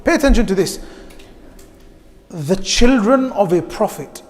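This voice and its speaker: Lively man preaching in a reverberant mosque hall. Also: sits high, unhurried. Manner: lively, direct, addresses the audience with questions. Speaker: youth programme speaker. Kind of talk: mosque youth talk.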